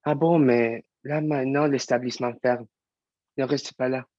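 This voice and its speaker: A man's voice: mid-range voice, fairly even intonation, normal speed, no echo, dull audio, lightly acted. A young man acting a frustrated young actor in a stage monologue, firing off urgent, agitated questions. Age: young adult. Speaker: student actor.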